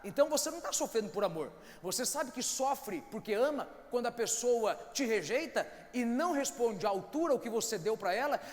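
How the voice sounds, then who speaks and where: A Brazilian man preaching a sermon as pastor, impassioned and swinging between quiet and loud. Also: high voice. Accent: Brazilian Portuguese. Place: church hall. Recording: reverberant church hall with faint ambience.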